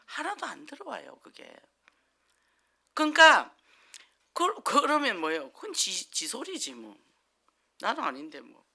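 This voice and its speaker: A woman's voice: high voice, creaky, sharp tone. A woman pastor giving a chatty sermon in church, acting out little quoted exchanges and laughing often. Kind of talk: conversational sermon.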